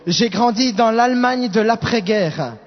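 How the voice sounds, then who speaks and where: High-voiced male sermon interpreter. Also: a little slow. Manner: follows the preacher's rising intensity, small restarts. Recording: echoey hall, dull sound.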